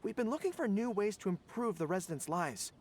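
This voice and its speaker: A woman's voice: mid-range voice, sing-song, fairly quick, darkish tone. A woman playing an earnest, easily flustered boyish young soldier in scripted game dialogue. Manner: hesitant, stammering when flustered. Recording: music behind the voice.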